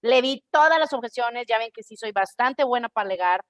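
A Mexican woman with a Mexican Spanish accent shares a personal story in a relaxed podcast monologue. She is animated and expressive and often acts out her own thoughts in quoted voices. Her voice sits a little high, and the recording is dry and close. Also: fairly quick, dry recording. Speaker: podcast host.

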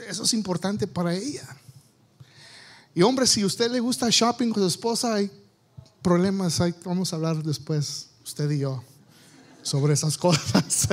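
A male pastor preaching a sermon on marriage, playfully acting out quoted husbands and wives. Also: high-pitched. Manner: playful, acts out quoted spouses.

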